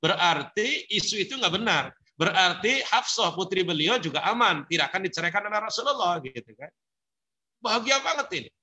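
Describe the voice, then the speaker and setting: A man's voice: high voice, lively intonation, fairly quick, bright, forceful tone, breathy edge. A man preaching at a religious study gathering, retelling stories with Arabic quotations and casual asides. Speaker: Islamic preacher. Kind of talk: religious study talk, storytelling.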